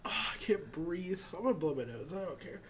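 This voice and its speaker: A young man hosts an emotional, casual anime reaction from a small home room lined with shelves of figures, his voice stuffed up from crying. He rambles and packs his talk with "like," speaking high-pitched, animated, and a little fast. Heavy background noise is present.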